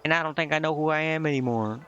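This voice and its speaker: A man with a fairly high, slightly bright voice talks fast, giving casual, rambling game stream commentary and reading dialogue aloud. His delivery is hesitant, vague and meandering. The lo-fi mic sounds dull, and background noise is clearly audible.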